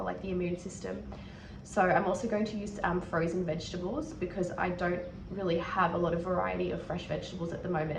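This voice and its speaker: A young Australian woman, sick and losing her voice, speaks in a lowish, gravelly tone as she vlogs from her home kitchen. Wearing a wireless clip-on mic in a noisy home recording, she rambles casually with lots of fillers.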